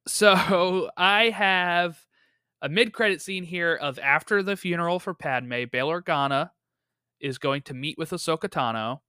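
Bright, crisp-voiced young man chatting. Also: dry recording, clean studio sound. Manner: rambling, filler-heavy pitching of ideas. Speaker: podcast host. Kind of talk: casual podcast chat.

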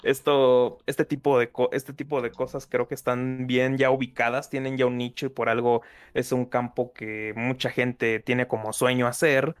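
A man's voice: mid-range voice, level tone, normal speed, few pauses, clear, resonant tone. A young man with a Mexican accent, talking casually on a podcast in a rambling way, full of slang and laughter. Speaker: podcast host. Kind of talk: casual chat.

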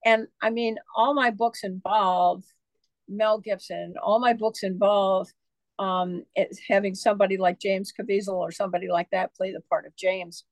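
A woman's voice: mid-range voice, steady tone, normal speed, no echo. Chatty woman author telling stories. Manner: chatty, digressive, many fillers. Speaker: author guest. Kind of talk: casual storytelling interview.

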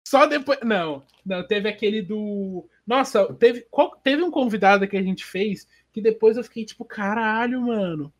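A man's voice: high-pitched, normal speed, hardly any pauses. A young man with a Brazilian Portuguese accent, co-hosting a podcast in slangy, joking casual banter. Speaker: podcast co-host.

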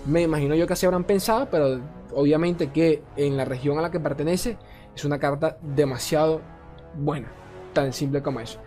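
A man reviews game cards in casual commentary. He is animated and swears, ranting and stumbling over names he forgets. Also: fairly high pitch, fairly quick, soft background music. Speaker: card game content creator.

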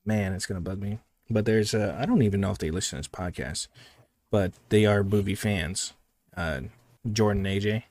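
A laid-back young man chatting on a movie podcast, trading rambling jokes. His voice sits a bit low, recorded close and dry with no room sound at all. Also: moderate pace, darkish tone, no echo. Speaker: podcast co-host. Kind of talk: casual chat.

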